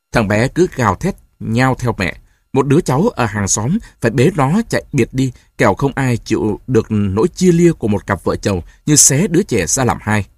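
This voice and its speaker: A man's voice: slightly rough, dry recording, studio quality. A man narrating a novel aloud as an audiobook, telling the story expressively. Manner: expressive storytelling, varied pitch.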